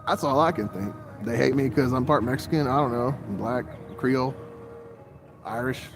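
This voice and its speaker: A man in his forties delivers a rambling monologue that jumps from topic to topic, swearing frequently. His voice is medium in pitch and his speed normal. Outdoor traffic noise runs through the recording.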